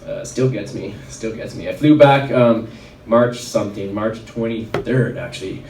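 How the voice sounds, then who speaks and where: The voice belongs to a man on the low side, darkish in tone, talking at normal speed against slight background noise. He's a chiropractor from Red Deer, Alberta, Canada, loosely rambling through a personal story full of fillers at a wellness event. The recording, from a distant mic in the event venue, sounds roomy.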